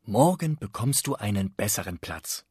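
A man voicing a polite, earnest young schoolboy in a radio storybook reading, with a husky voice. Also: on the low side, sing-song, moderate pace, mellow, dry recording, clean studio sound.

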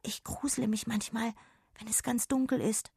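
A woman's voice: fairly high pitch, steady tone, moderate pace, darkish tone, breathy edge, no echo, studio quality, voice pushed up. A woman voicing a shy, curious little girl in a children's audio story, speaking hesitantly with a raised, small voice. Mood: timid. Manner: hesitant, whispery when scared.

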